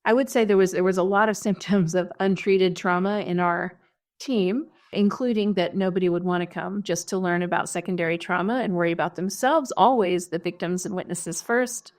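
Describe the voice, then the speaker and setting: A woman's voice: lowish voice, moderate pace, a little mellow. A middle-aged woman, a human rights lawyer, answering interview questions in a thoughtful, frank way with wry humor.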